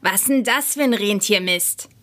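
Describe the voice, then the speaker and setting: A woman's voice: medium pitch, fairly bright tone, natural voice. A woman voicing a cheeky little male Christmas elf in a storybook reading, brash and huffy. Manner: brash, huffy and quick-tempered.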